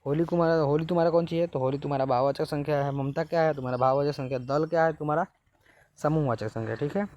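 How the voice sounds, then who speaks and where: A man's voice: fairly high pitch, steady tone, quick pace, a little mellow, no room sound, dull audio. A man teaching a lesson, working through exam questions one at a time and repeating each answer to the students.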